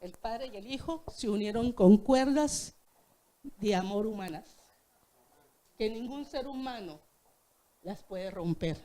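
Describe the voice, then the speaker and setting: A woman's voice: mid-range voice, animated, slow, long pauses, warm tone. A woman preaching a sermon in a church, telling a story and speaking directly to the congregation.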